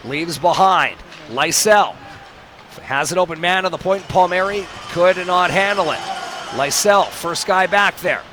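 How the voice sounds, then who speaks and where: High-pitched man calling live hockey play-by-play. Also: unhurried. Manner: clipped phrases, shouted calls on big plays. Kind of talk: live sports play-by-play commentary. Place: hockey arena broadcast position. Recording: loud crowd noise, arena ambience.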